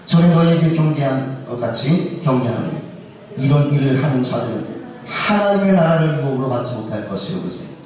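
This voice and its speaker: A man's voice: medium pitch, animated, fairly quick, darkish tone, slight background noise. A male pastor preaching a sermon and often putting questions to his congregation. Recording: echoey church hall, distant mic.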